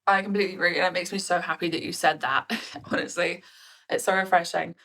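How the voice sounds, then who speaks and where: A woman hosts an interview podcast in a somewhat low voice with a gravelly texture. She chats in a friendly way and readily agrees with her guest. She is speaking over a video call. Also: steady tone, quick pace, bright, forceful tone. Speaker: podcast host. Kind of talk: casual interview chat.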